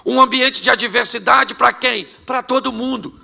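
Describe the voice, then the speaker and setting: A Brazilian man preaching a humorous storytelling sermon, animated and joking, often laughing between phrases. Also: extremely high pitch, normal speed, vocal fry. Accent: Brazilian Portuguese. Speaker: pastor.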